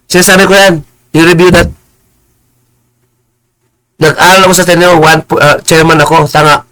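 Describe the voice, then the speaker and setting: A man's voice: a little high, flat delivery, pushed and bright, rough recording. Combative, stammering man ranting on a live stream. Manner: combative, insulting, repeats words and stammers; mixes in slow, preachy English phrases. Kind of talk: heated live-stream rant.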